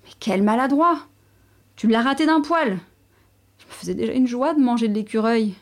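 A woman's voice: medium pitch, vocal fry, darkish tone, breathy edge. A woman voicing a father wolf who is an eager, commanding hunter. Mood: grumbling. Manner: brisk, commanding.

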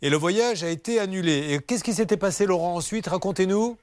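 A man's voice: high voice, a little fast, a little mellow, no echo, studio quality. A man hosting a radio consumer show, leading the talk and asking guests questions.

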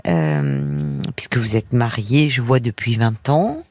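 A woman hosting a late-night call-in radio show, gently encouraging the caller with soft affirmations. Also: rumbling low, very animated, a little slow, no echo. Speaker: radio host.

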